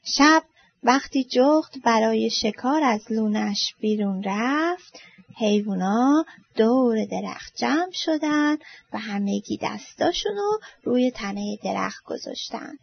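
A woman storyteller reading a children's story aloud, expressive and trailing off softly at line ends. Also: fairly high pitch, gravelly, husky. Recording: dull lo-fi dry recording.

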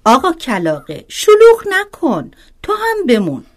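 A woman's voice: sits high, wildly swooping pitch, very noisy, pitched above the performer's own voice, heavily acted. Woman playing a kind old village woman. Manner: soothing, gently scolding.

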